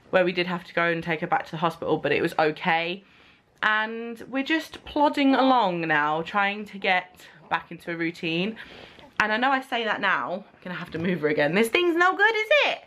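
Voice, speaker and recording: A woman's voice: mid-range voice, animated, normal speed, a bit bright. Woman vlogging while chewing gum. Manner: breaks off to coo at her baby. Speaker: vlogger and mother of a new baby. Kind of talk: casual vlog chat to camera.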